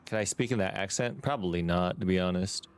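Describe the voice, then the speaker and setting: A man's voice: low-pitched, brisk, clean tone. A man playing a video game, reading its text aloud and dropping casual, joking asides. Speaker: gaming streamer.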